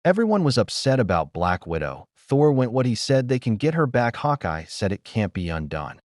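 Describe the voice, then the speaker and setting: In a mid-range, sing-song voice at normal speed, a man recounts a film's story as an amateur reviewer would, in brief, choppy, loosely phrased sentences. It is recorded in studio quality, without any room sound.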